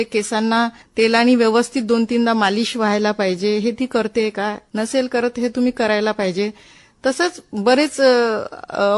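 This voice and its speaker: A woman doctor with a slightly high voice explains and instructs on a phone-in show. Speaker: Ayurvedic doctor, studio guest. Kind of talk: spoken advice on a phone-in.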